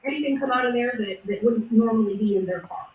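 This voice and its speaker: A woman's voice: on the high side, fast, a little mellow. A woman talking casually and at length, hesitant and full of fillers, recorded from a distance in an echoey room. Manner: rambling, hesitant with many fillers. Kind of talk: casual discussion.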